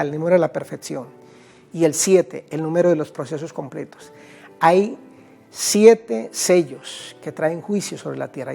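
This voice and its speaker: Gravelly-voiced Colombian pastor preaching. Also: male voice, fairly high pitch, dark tone. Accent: Colombian Spanish. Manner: emphatic preaching, addresses listeners directly, reads scripture aloud. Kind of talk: evangelistic sermon.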